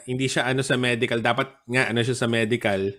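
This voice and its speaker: A man with a Filipino accent, a podcast guest telling stories with lively laughter in a casual chat. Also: mid-range voice, quick pace. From Philippines. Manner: animated storyteller, laughs a lot.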